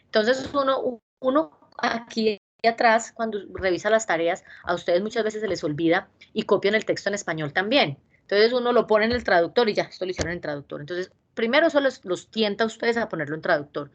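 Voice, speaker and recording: Lady teaching english verbs to a class, patient, says each form slow. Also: medium pitch, animated, muffled recording. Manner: patient, repeats verb forms slowly.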